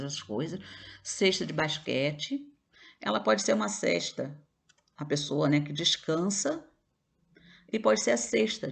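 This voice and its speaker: Brief: female teacher, Brazilian Portuguese accent, slightly low pitch, patient explanatory delivery. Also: gravelly. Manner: patient, explanatory, frequent checks like "né?" and "tá?". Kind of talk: online classroom lesson.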